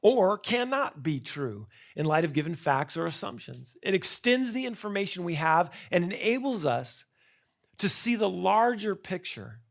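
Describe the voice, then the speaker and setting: Gravelly man giving a talk. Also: sits high, very animated, a little slow. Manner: conversational, asks rhetorical questions; frequent fillers and restarts. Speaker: conference speaker. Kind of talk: conference talk.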